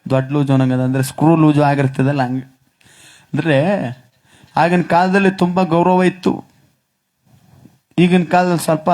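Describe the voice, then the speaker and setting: A man's voice: a little high, a little mellow. A man from the region, telling comic stories on stage in a rustic, teasing way. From Mysore region, Karnataka. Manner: rustic, teasing banter with acted-out quoted voices. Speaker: stage comedian and singer.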